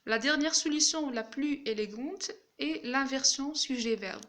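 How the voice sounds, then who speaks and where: A woman teacher explaining French grammar in a slow, careful way, giving examples as she goes. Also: sits high, fairly bright tone. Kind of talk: grammar lesson.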